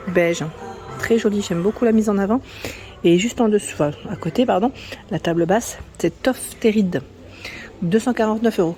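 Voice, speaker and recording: Woman, mellow-voiced vlogger, phone in hand, casual chatty walkthrough of a big store, faint music behind. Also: medium pitch. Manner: chatty, reads out prices and sizes, many tag-on fillers. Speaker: vlogger touring a furniture store. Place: inside a large furniture store.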